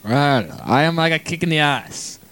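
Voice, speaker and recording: A man from the United States answering a comic mock interview in a halting, deadpan way. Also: on the high side, clear, resonant tone. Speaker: interview guest.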